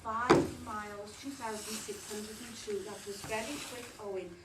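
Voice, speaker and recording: An actress with a Welsh accent playing a fussy, doting schoolteacher who gushes in a sing-song way. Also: female voice, mid-range voice, fairly even intonation, moderate pace, lightly acted. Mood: coaxing. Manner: sing-song, gushing "that's lovely". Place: theatre stage, dress rehearsal. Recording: roomy stage, far from mic, noisy.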